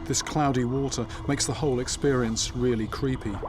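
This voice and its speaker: A man presenting a nature documentary, narrating from a script in a measured, dramatic storytelling way. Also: medium pitch, steady tone, noisy background.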